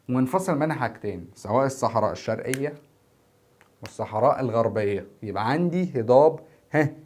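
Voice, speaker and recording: A worn-out Egyptian man teaching a geography lesson at a rapid clip. He repeats each key term several times and quizzes himself aloud before giving the answer. His voice has a middling pitch. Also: a little mellow. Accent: Egyptian Arabic. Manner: repeats key terms, asks and answers his own questions. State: tired, filming at four in the morning. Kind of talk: exam-prep geography lesson. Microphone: standing before a camera.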